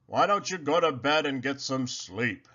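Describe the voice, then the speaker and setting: A man's voice: mid-range voice, lively intonation, a little slow, sharp tone, dull audio, voice pushed up. A man voicing a proud, fatherly old Santa figure in a storybook, with a hearty delivery.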